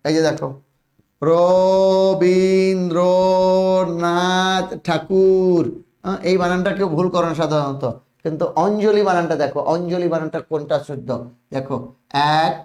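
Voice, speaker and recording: A man with a high voice teaches spelling in an echoey room. He repeats each word over and over and presses his students for quick answers. His talk is brisk and coaxing, a classroom drill. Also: a little mellow. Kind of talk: online spelling lesson.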